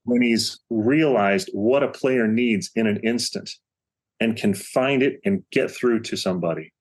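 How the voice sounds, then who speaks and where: A middle-aged baseball coach, a podcast guest in a casual interview, tells a story and acts out the quotes as he goes. He's an animated storyteller with a lowish voice and a measured pace.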